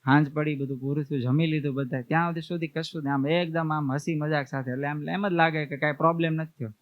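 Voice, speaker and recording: A man's voice: a little high, fairly even intonation, fast talker, no room sound. A man, a swami telling homely family stories in a sermon and acting out what relatives say. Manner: homely storytelling, acts out family members' words. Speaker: swami preacher. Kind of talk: storytelling sermon. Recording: tinny, phone-like dry sound.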